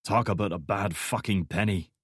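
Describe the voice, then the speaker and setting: A man narrating puts on a gruff, tough Scottish soldier with a low, menacing voice. He speaks in a rough Scottish accent. The sound is dry and close. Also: normal speed, no room sound. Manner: low, menacing, then warm.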